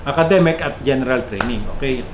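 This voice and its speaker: A Filipino man with a Filipino accent vlogging in a chatty explainer style, mixing English and Filipino and giving shoutouts to viewers, his voice rising and falling in pitch and loudness. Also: animated, fast. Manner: pitch and loudness swing up and down a lot. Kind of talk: casual vlog explainer. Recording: echoey room with faint background noise.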